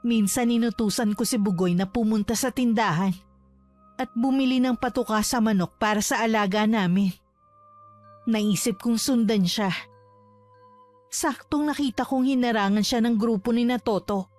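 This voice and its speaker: A woman's voice: fairly high pitch, moderate pace, a little mellow. Woman narrating a horror story. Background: faint background music.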